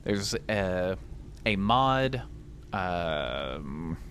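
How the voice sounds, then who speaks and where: A man's voice: deep voice, very animated, drawn-out words, fairly bright tone, a little hiss or hum. A man giving let's play commentary with rambling, joking asides. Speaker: gamer.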